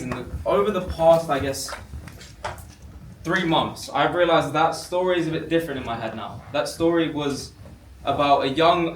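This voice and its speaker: A man's voice: mid-range voice, fairly bright tone. A young man telling his own story to an audience, reflective, with fillers and restarts. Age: young adult. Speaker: co-founder speaking to an audience. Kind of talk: personal storytelling talk on stage. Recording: roomy room, mic far off, faint noise.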